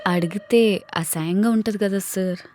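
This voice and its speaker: An actress playing a lazy, sarcastic office worker who answers everyone with wisecracks. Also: female voice, mid-range voice, normal speed, music in the background, natural voice. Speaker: office employee avoiding work. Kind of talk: web series acting.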